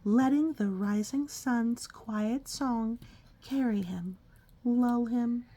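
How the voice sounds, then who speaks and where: A woman whose voice sits on the high side, with a dark tone and slow pace, reads a picture book to her small child. She's the child's mother, and on this phone recording she asks questions and echoes the child's back while they discuss the book.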